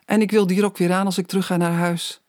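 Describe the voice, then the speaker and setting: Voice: mid-range voice, flat delivery, fast talker, dry recording, studio quality, lightly acted. A storyteller voicing a playful, somewhat vain mother in an audiobook, teasing and theatrical. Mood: wistful.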